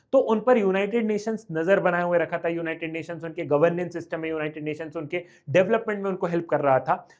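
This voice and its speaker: A young man teaching an exam revision lecture, lively and repetitive, often checking whether the class has understood. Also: sits high. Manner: reads English lines slowly, then explains quickly.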